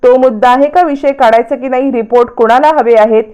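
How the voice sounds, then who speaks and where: A woman's voice: on the high side, fairly even intonation, a little fast, dark tone, clean tone, lo-fi sound, pitched above the performer's own voice, natural voice. A woman voicing an angry elderly male patriarch who scolds his family indignantly while retelling a TV serial episode. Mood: indignant scolding.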